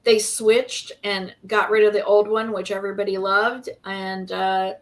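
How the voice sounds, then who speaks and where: A woman's voice: mid-range voice, little pitch movement, a little slow. A woman co-hosting a business webinar, explaining in a friendly way with wry asides. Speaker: webinar co-host.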